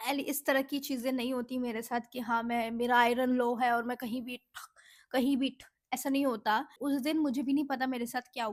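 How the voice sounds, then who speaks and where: Woman vlogger with a high voice, chatty, switches into english words a lot, dry close sound. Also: dry recording. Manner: chatty, mixes Hindi with English phrases. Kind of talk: casual storytelling to camera.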